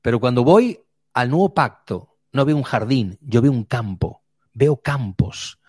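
A man preaching a sermon, vivid, moving between quick runs and slow emphatic words. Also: mid-range voice, expressive, a little mellow, husky, no room sound, clean studio sound.

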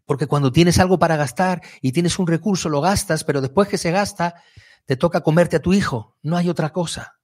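A man delivers a fiery sermon. His voice sits a little high and sounds husky, and he keeps swelling into emphatic, near-shouted peaks. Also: brisk. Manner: impassioned, rises to high emphatic outbursts. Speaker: preacher.

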